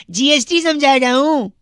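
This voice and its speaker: A man making prank phone calls in a high boyish put-on voice, rattling off mock-serious nonsense and giggling. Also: lively intonation, slow, heavy background noise. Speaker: radio prank caller.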